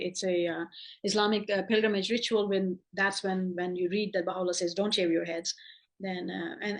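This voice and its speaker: A woman with a fairly low, gravelly voice teaches a class in an informal, unscripted lecture. She's chatty and conversational, restarting often and acting out quoted dialogue.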